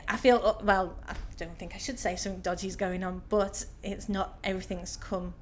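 A woman in her thirties from Liverpool, England, speaks with a Liverpool accent in a mid-range, fairly evenly intoned voice at a fairly quick pace, with slight background noise. She answers interview questions casually and hesitantly, using lots of filler ums.

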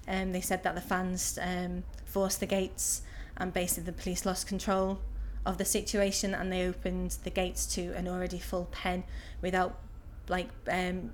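A woman's voice on the low side, monotone, at normal speed with few pauses, over a little hiss or hum. In her thirties and from Liverpool, England, she answers interview questions with a Liverpool accent, casually and hesitantly, peppering her speech with filler ums.

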